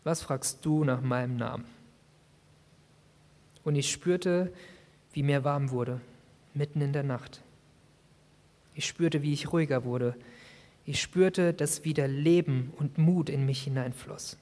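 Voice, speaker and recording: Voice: medium pitch, unhurried, long pauses, darkish tone. A youth preacher giving a sermon, retelling a story dramatically in the first person. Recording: long hall reverb.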